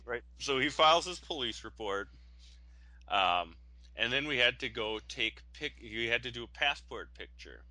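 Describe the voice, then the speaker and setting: A man's voice: medium pitch, animated, normal speed, pushed and bright, no room sound, poor audio. A young man co-hosting a casual podcast chat, telling a long story with many restarts and fillers. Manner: rambling storyteller, full of restarts. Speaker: podcast co-host.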